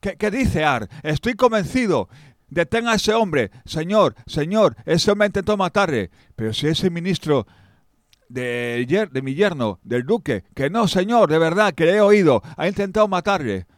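A man voicing a frantic courtier, urgently pleading in a shrill voice. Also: big pitch swings, unhurried, hardly any pauses, a little mellow, dry recording, clean studio sound.

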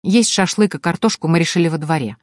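A woman's voice: lowish voice, quick pace, no echo, studio quality. A woman narrating a first-person fantasy audiobook in a wry, ironic tone.

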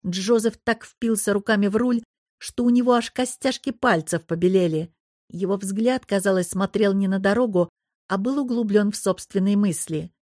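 A woman's voice: mid-range voice, normal speed, darkish tone, no room sound, studio quality. Woman reading a fantasy audiobook. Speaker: audiobook narrator. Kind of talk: first-person fantasy audiobook narration.

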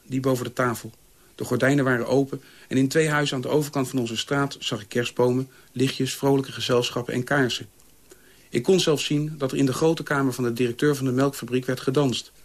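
A man reading a personal memoir aloud in a calm, measured way. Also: mid-range voice. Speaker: reader.

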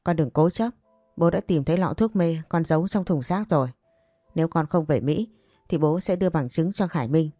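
A woman's voice: low-pitched, moderate pace, mellow, dry recording, soft background music. A woman voicing a stern older father who firmly scolds his adopted daughter, in a narrated story. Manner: firm, admonishing.

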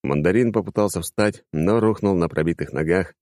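A man reading a first-person audiobook in a wry, lively narration style. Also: brisk, no echo, clean studio sound. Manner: lively, wry, sweeping pitch.

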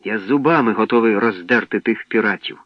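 A man voicing an eager, impulsive young boy on a space voyage, exclaiming excitedly, on a dull, dry recording. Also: on the low side, a little fast, no echo, lightly acted. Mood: fierce.

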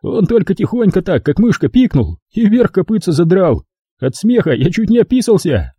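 A man reading an audiobook, voicing a lanky young thug who flatters his boss and jokes with a snicker. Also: high voice, normal speed, breathy edge, no echo, pitched above the performer's own voice, full character voice. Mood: fawning.

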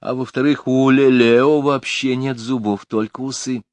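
A man voicing an excitable, playful young woman in an audiobook, speaking in bright, excited exclamations. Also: mid-range voice, a little slow, no room sound, voice pushed up, lightly acted. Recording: dry close studio sound.

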